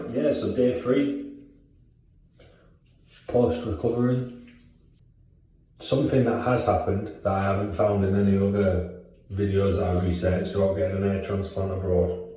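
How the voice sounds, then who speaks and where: A low-voiced man talks in a candid, chatty video-diary way, dropping the odd swear word. His tone is dark and mellow. He is picked up from a distance in a very echoey room with faint hiss behind him. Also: steady tone, measured pace, pauses often. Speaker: vlogger. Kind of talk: casual vlog diary.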